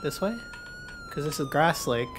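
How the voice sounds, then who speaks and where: A man narrates his police role-play game casually, dropping into police radio call-ins. His pitch swings widely, and sirens and clear noise sit behind his voice. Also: wildly swooping pitch, normal speed. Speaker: game streamer playing a police officer. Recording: noisy gameplay audio with sirens behind.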